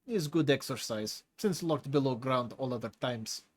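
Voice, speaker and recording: In an audiobook, a male narrator voices a cocky, hulking, clawed prisoner who growls boastful broken English in a thick accent. The lightly acted storybook creature has lively intonation and a moderate pace, and his pitch swings wide when he gets worked up as he savors each boast.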